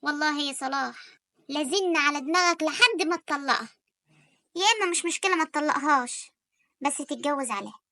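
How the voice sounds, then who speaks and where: A young woman with an Egyptian Arabic accent voicing a jealous, scheming sister in an animated story, quick and sharp-tongued. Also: sits high, no echo, clean studio sound.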